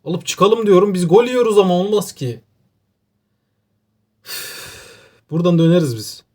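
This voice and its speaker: Excitable Aegean-accented gaming commentator. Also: male voice, sits high, moderate pace. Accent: Aegean Turkish. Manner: excitable, joking, talks to himself. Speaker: gaming YouTuber. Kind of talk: casual gameplay commentary.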